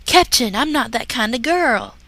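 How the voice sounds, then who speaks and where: A woman's voice: on the high side, lively intonation, normal speed, bright, forceful tone, no echo, voice pushed up. A woman voicing a gushing, eager teenage girl lieutenant in a hammy, theatrical dramatic reading of a parody story. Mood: prim, innocent. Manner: hammy, theatrical, wide-eyed.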